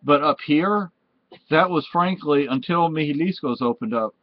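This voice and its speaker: A man's voice: fairly high pitch, normal speed, dull audio. Rambling Spanish-born man vlogging. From Spain. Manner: rambling, meandering and self-correcting. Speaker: vlog host. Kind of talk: casual rambling chat to camera.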